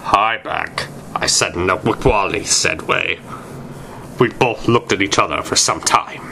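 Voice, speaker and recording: A man with a low voice and vocal fry reads fan fiction at a moderate pace, his delivery pushed and bright in a theatrical amateur style. He stumbles over words here and there, and the amateur recording is noisy.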